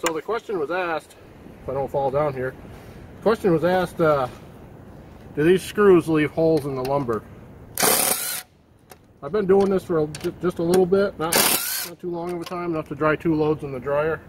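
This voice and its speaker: An easygoing man in his thirties talks casually about his work outdoors, a bit high-pitched for a man. He rambles and restarts his words as he goes. A faint outdoor hum sits underneath him. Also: normal speed, pauses often. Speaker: woodworking channel host. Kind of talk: casual outdoor workshop commentary. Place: outdoor sawmill yard in the woods.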